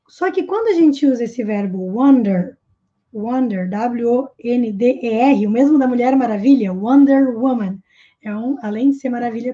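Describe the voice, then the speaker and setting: A woman with a high, very warm and mellow voice leads a live online language lesson. She repeats phrases slowly and deliberately to drill pronunciation. The recording sounds dull and lo-fi. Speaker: English teacher.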